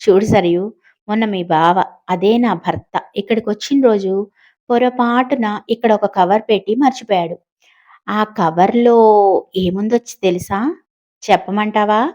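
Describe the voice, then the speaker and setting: A woman voicing a calm young married woman who needles her rival with sarcasm, in an audiobook. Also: mid-range voice, unhurried, dull audio, close to an everyday voice. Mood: sarcastic.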